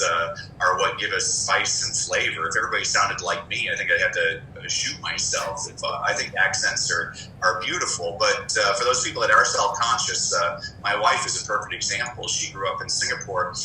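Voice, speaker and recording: A man being interviewed, a former English teacher who tells lively anecdotes and slips into voices he mimics. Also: deep voice, normal speed, reverberant, soft background music, poor audio. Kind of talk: conversational interview storytelling.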